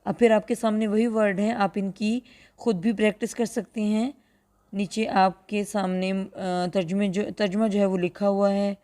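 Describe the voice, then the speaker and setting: A woman teacher with a mellow, darker voice. She explains step by step in a patient, even tone. She slows right down to repeat each word for practice. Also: mid-range voice. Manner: clear, patient explaining, slows down to drill pronunciation. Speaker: Qur'an translation teacher. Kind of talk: recorded online lesson.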